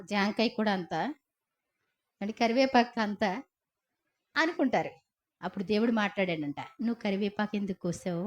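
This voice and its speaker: Woman preaching, questioning her listeners. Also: fairly high pitch. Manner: conversational preaching with rhetorical questions and tag questions. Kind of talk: sermon.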